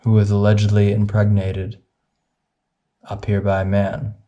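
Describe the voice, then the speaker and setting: A man's voice: fairly low pitch, completely flat delivery, a little slow, dark tone. A man investigating the paranormal in a vlog, putting questions to spirits. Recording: dull muffled sound, music underneath.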